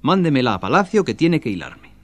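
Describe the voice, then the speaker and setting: A man's voice: mid-range voice, sing-song, fairly quick, lightly acted. A man voicing a brusque king in a folktale, giving orders. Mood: commanding. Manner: brusque, commanding. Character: demanding king, brusque and commanding.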